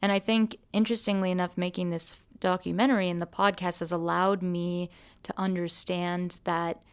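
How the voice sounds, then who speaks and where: Earnest woman host with a smooth, low voice. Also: little pitch movement, normal speed. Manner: earnest, musing, with restarts and light laughs. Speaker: podcast host and musician. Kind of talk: reflective conversation.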